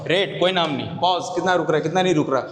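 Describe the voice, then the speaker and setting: A male teacher giving a classroom lecture, asking his students questions and answering them himself, with key terms repeated slowly. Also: fairly high pitch, background noise. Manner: conversational, asks and answers his own questions. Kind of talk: exam-oriented classroom lecture. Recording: echoey room with long reverb.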